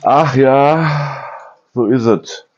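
A medium-pitched man hosts a casual kitchen chat for his channel, talking very slowly, rambling, correcting himself, and imitating noises. The audio is dull, with a little hiss or hum.

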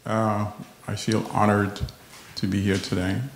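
An older man with a very deep, gravelly voice speaks slowly and formally on a panel, audibly choked up. His delivery stays flat and even, and the hall is echoey with faint clicks behind. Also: heavy background noise. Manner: slow and formal. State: emotional, choked up. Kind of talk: panel discussion remarks.

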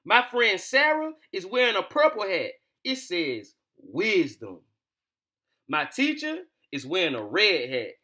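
A young adult American man with a higher-pitched voice hosts a children's read-aloud bedtime show, chatting informally, slangily and familiarly before reading the storybook. His pitch swings hugely, he goes a little slowly, and his tone is pushed and bright. It's recorded indoors in a small home room on a distant camera mic, so it echoes.

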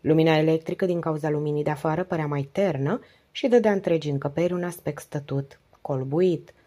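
A woman reads an audiobook in a steady, measured way. Her voice sits low and mellow. It has a husky texture. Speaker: audiobook narrator. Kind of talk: scripted narration.

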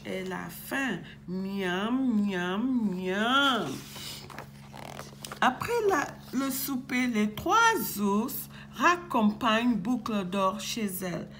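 Slow, expressive woman teacher reading aloud. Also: a little high, a little hiss or hum. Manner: slow, expressive with stops and self-corrections. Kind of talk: reading a picture book aloud.

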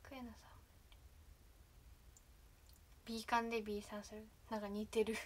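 A young woman chatting casually on a livestream, rambling and often trailing off into soft asides. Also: mid-range voice, level tone, normal speed, a little hiss or hum. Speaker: idol trainee livestreaming.

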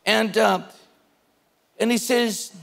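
A man's voice: sits high, fairly even intonation, slow pace, creaky, a bit bright, long reverb tail. A man preaching a sermon as pastor, retelling a scripture story emphatically and urging his listeners to take hold of it. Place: church sanctuary.

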